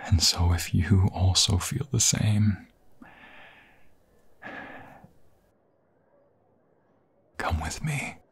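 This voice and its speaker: Sitting low and heavily acted, a male voice plays a pleading, lovestruck vampire fiancé for an intimate romantic ASMR roleplay. He is breathy and husky, often whispering, his emotional delivery halting.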